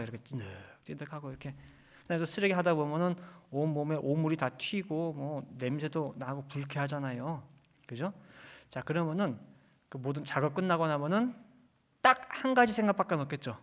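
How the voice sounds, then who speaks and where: Animated Korean-speaking pastor preaching. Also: male voice, on the high side. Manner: animated, asks the congregation questions, shifts from quiet asides to loud emphasis. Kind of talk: sermon. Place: church sanctuary.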